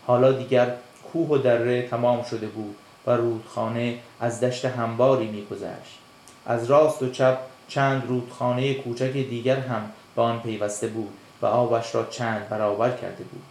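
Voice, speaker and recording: A man narrating a storybook in a steady, measured reading. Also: medium pitch. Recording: echoey room.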